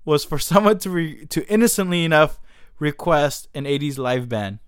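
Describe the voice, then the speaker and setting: A man's voice: fairly high pitch, lively intonation, moderate pace, clean tone, dry recording, studio quality. A man hosting a podcast, telling a story in a casual, profane, exasperated and self-mocking way. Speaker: podcast host.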